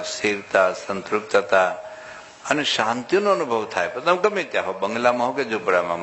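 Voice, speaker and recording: A male monk giving a humorous sermon to a live audience, talking in a lively, rhetorical way and quizzing the crowd for loud answers. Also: lowish voice, slight background noise, low-quality recording.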